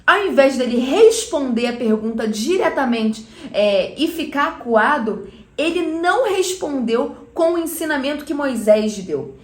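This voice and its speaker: High-voiced Brazilian woman teaching Bible. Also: lively intonation, a little slow. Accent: Brazilian Portuguese. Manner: explains earnestly and speaks straight to viewers. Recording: roomy echo.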